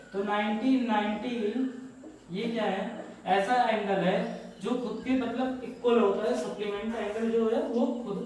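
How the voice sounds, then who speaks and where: Male maths teacher, explains each step slowly and checks in with the class, recorded far off in a very echoey room. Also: high-pitched, a little mellow, a little hiss or hum. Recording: echoey room, heard from a distance.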